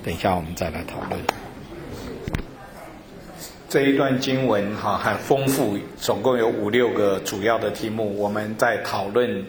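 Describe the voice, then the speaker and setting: Man, group facilitator, calm, relaxed, low voice, crowd murmur behind. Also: normal speed. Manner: calm, relaxed, soft tag words. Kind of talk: explaining a group task.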